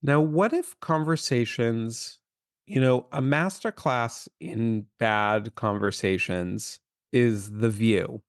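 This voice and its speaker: A man co-hosting a podcast in loose conversation, deadpan and wry as he rambles through his ideas. His pitch is an ordinary middle for a man. The recording is dry and close-miked. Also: takes it slowly, no echo. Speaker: podcast co-host. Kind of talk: casual chat.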